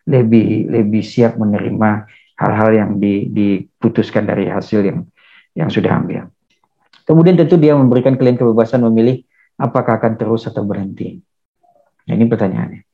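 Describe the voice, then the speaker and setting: A man lecturing on counseling, calm and measured, acting out what counselor and client say. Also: medium pitch. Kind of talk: lecture with acted counseling examples. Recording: dull lo-fi recording.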